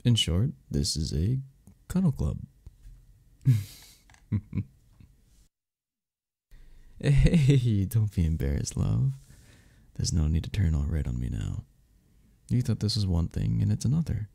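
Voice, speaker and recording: In a one-sided ASMR romance roleplay, a man plays a flirty, friendly cuddle club member showing a newcomer around. His breathy, gravelly voice is lowish, mellow and exaggerated, unhurried yet swinging widely in pitch. Amused, he teases and reassures, chuckling between phrases.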